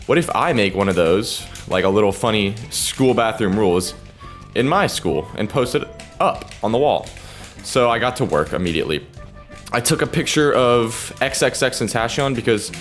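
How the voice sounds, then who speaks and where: A teenage boy who makes gaming videos talks in a fairly low, slightly bright voice, keeping it hushed so his sleeping father won't hear. He rambles through a story while playing a video game, stopping now and then to trash-talk opponents.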